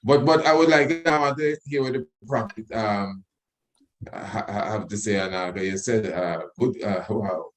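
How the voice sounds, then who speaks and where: A man moderating a casual reasoning in Rasta speech, halting and repeating his words. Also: fairly low pitch. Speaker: discussion moderator.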